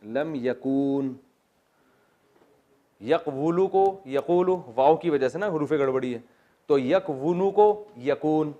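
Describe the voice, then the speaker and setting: A man's voice: on the high side, darkish tone, dull audio. A man with a Pakistani Urdu accent, a religious teacher giving a classroom lesson on Quran grammar, explaining step by step, quizzing his students and telling jokes.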